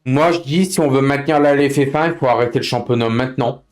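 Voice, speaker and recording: A man's voice: medium pitch, fast talker, a little mellow, faint music behind. A man chatting casually on a live gaming stream, complaining in slangy, informal speech and repeating himself as he goes. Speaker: livestreamer running an online racing league. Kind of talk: casual live stream chat with other players.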